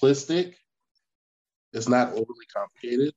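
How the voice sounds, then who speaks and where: A man co-hosting a casual podcast chat, halting and full of "like"s. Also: mid-range voice, animated, a little mellow, highs cut off. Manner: halting, lots of likes, repeats words. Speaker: podcast co-host.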